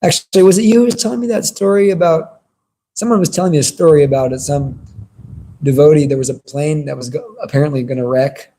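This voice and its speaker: A man's voice: on the high side, quick pace, dark tone, a little hiss or hum, low-quality recording. A man giving an informal devotional sermon as a religious teacher, conversational and earnest in his delivery.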